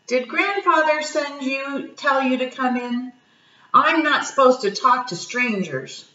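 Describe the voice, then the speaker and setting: A woman's voice: sits high, animated, unhurried, dull audio, voice pushed up, exaggerated voice. Brief: a woman doing a young storybook boy, raised and childlike, distant roomy sound. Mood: worried. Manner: pleading, then shouting. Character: young boy, upset and stubborn.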